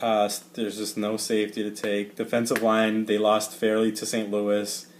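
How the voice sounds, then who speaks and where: Laid-back male co-host with a slight lisp, lowish voice, faint noise behind. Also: monotone, normal speed. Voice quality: slight lisp from rubber bands in his mouth. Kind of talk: casual sports chat.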